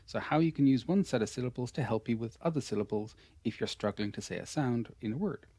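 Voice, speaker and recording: In an online lesson, an English pronunciation teacher from Ireland coaches a student, speaking quickly in a middling-pitched, dark-toned voice. He stays patient and encouraging, repeating his praise frequently. The recording is dry and close, with no surrounding room sound.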